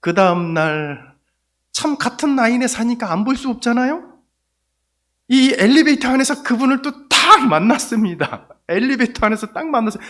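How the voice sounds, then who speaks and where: A middle-aged man, a pastor, preaching a sermon and telling a story with lively, rising delivery. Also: very high-pitched, normal speed. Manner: animated storytelling, voice rising sharply when retelling anger.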